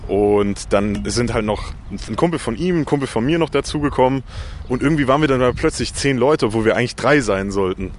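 A young man with a deep voice, talking casually as a gaming YouTuber, with slang and English loanwords. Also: animated, fairly quick, slight background noise. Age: young adult. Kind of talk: casual interview talk.

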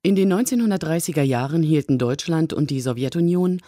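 A man's voice: fairly high pitch, expressive, fairly quick, warm tone, no room sound, studio quality. A man reading non-fiction book excerpts aloud as scripted radio narration.

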